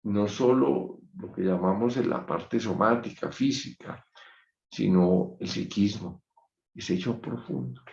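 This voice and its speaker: Low gravelly man lecturing in an echoey room. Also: darkish tone. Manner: measured, reflective storytelling. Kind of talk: online lecture. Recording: dull muffled sound in an echoey room.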